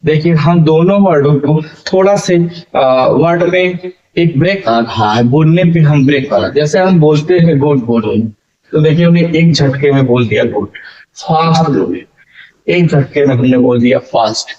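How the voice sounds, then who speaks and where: A man teaching a grammar lesson, explaining slowly and calling his listeners friends. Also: fairly high pitch, a little mellow, muffled recording.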